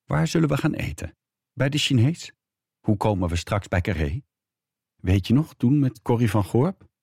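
A man's voice: medium pitch, normal speed, warm tone, dry recording, clean studio sound, pitched above the performer's own voice, lightly acted. A man reading a story aloud, voicing an anxious middle-aged wife who nervously asks worried questions. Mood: nervous chatter.

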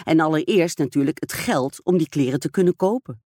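A woman reading aloud, voicing a vain, excitable society stepmother who gushes and speaks self-importantly. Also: low voice, a little fast, dry recording, clean studio sound. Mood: haughty. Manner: gushing, self-absorbed, exclamatory.

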